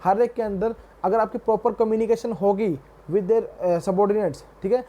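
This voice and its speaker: Mellow-voiced male teacher explaining patiently. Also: high voice, highs cut off. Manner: reads English definitions slowly, then explains in Hinglish; addresses students fondly as "beta". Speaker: commerce teacher. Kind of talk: classroom lecture.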